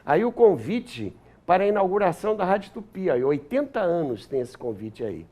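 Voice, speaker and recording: A historian and author being interviewed, this older man speaks with a Brazilian accent and a mellow, high-pitched voice full of big pitch swings. He talks at normal speed while reminiscing, reaching for words here and there.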